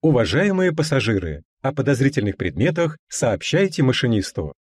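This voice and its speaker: A man reading scripted metro train announcements in a formal, measured, clearly articulated way. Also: medium pitch, very animated, a little mellow, no room sound, clean studio sound. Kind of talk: scripted public transit announcement.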